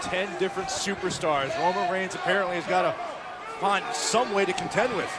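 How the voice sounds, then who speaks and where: A man's voice: sits high, fairly quick. A man giving emphatic analysis as a wrestling color commentator. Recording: live arena broadcast, loud crowd noise.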